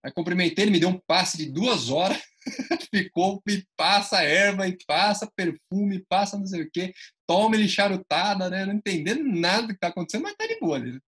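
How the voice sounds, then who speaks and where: São man, casual storyteller, quick and lively delivery, acts out quotes. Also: high voice, husky. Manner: animated, acts out dialogue.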